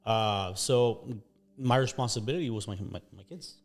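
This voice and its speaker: Man, 40s, from Mexico, low voice, laid-back guest. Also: normal speed. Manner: relaxed, laid-back, many you knows. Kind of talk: casual interview.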